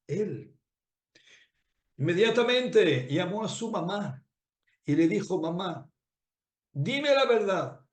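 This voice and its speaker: In a reverberant space, a rabbi whose voice is a little high animatedly delivers a sermon built on a moral story. He repeats phrases and puts rhetorical questions to the congregation.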